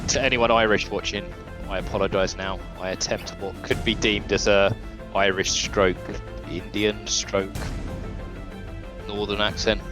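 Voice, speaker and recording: A man with a lowish voice introduces his role-playing character with easy, self-mocking humour. Music runs clearly underneath him. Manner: jokey, self-deprecating. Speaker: player.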